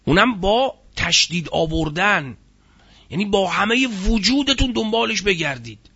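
High gravelly-voiced man teaching Quran words. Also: bright, forceful tone, lo-fi sound. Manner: explanatory, asks rhetorical questions, stresses key words. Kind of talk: religious lecture on Quranic word meanings.

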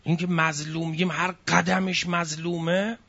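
A man's voice: on the high side, level tone, sharp tone. A man preaching a sermon, telling a religious story with feeling, sighing and crying out between the lines. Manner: emotive storytelling, sighs and cries out. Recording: dull lo-fi recording.

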